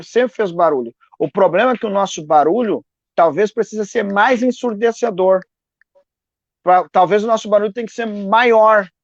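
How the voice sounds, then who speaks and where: A man speaks earnestly on a live video call from home, often restarting phrases and asking "né?". His voice sits fairly high for a man and sounds dry and close. The stream audio is dull and lo-fi. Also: no room sound. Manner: earnest, repeats words, frequent "né?". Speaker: activist guest. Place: home in a neighbourhood.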